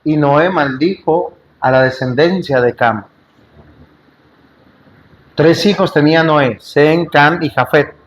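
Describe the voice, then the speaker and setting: A man with a fairly high voice preaches a sermon in church, hammering each point with repeated phrases and rhetorical questions to the congregation, with small jokes and asides in between. He speaks slowly with frequent pauses, and the recording is muffled.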